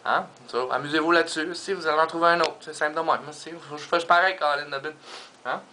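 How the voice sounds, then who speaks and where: Rambling Québécois comic, bright tense voice. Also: male voice, fairly high pitch, fairly even intonation, fast, slight background noise. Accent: Québécois French. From Quebec. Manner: rambling, full of Quebec swear fillers, mixes in English words. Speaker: stand-up comedian. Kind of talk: comic monologue.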